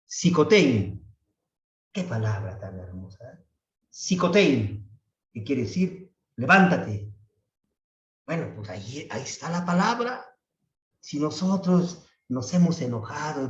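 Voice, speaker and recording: Priest preaching, far off the mic in a big echoey church, kinda muffled. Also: male voice, darkish tone. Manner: peppers phrases with tag questions, acts out complaints in a high voice. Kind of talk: sermon. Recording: echoey dull church sound from a distance.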